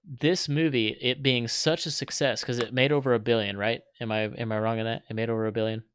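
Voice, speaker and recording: A man's voice: medium pitch, steady tone, brisk, smooth, no echo, studio quality. A man co-hosting a casual podcast debate, earnest and emphatic, repeating his points. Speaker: podcast co-host.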